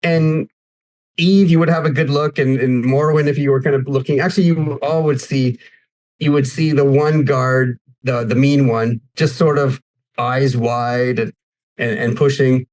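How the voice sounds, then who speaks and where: A man narrating as game master of a tabletop game, casual and halting. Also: mid-range voice, steady tone, darkish tone. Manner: casual, halting, laughs often.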